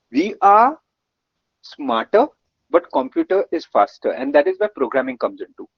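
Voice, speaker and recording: With a fairly high voice that has a breathy edge, a man from Gujarat leads a live online coding class in Indian English. He's energetic and coaxing, praising often and repeating himself. The webinar sound is dry, dull and muffled, with no room sound.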